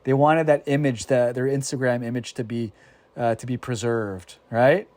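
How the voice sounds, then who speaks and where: A man leading a casual Bible discussion, animated, often restarting his sentences and acting out quoted exchanges. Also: mid-range voice, normal speed, no echo. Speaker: Bible study teacher.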